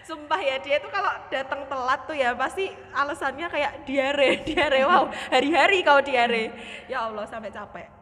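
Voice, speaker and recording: A woman's voice: high voice, moderate pace, hardly any pauses, fairly bright tone, big-room sound. A young woman in a casual podcast chat, telling stories about her study group in a chatty, giggly way. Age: young adult. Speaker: podcast co-host, medical student.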